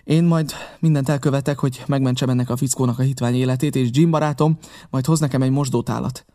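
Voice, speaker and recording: A man voicing a brisk, confident village doctor who gives orders. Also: medium pitch, fairly even intonation, dark tone, lightly acted. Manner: brisk, commanding.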